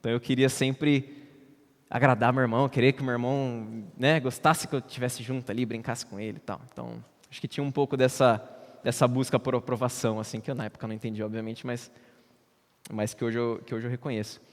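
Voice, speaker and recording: A young Brazilian man preaches from the pulpit, recounting a personal story with lively shifts between soft and loud. His voice sits in a middle register. The sound carries a long church-hall reverb. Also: medium pitch, quick pace. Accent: Brazilian Portuguese. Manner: storytelling, animated, wide swings in loudness. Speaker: presbyter preaching. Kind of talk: sermon illustration, personal story. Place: church sanctuary.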